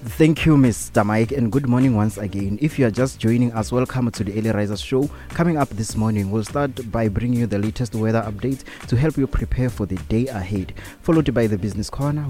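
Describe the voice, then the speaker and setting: A man's voice: medium pitch, warm tone. South african guy doing morning show host intro on radio, bit of music under him. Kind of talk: morning radio show presenting, reading a rundown. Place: radio studio.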